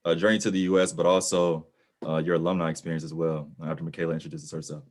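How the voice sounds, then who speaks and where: Male webinar host, very low voice, quick delivery, upbeat. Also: little pitch movement, a little mellow. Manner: upbeat, scripted opening. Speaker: host, program director. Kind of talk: webinar hosting.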